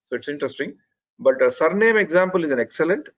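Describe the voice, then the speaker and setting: A man's voice: a little high, expressive, fast talker, muffled recording. Man giving earnest feedback over a call. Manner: earnest, methodical critique with frequent restarts. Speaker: presentation evaluator. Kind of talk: spoken feedback on an online talk.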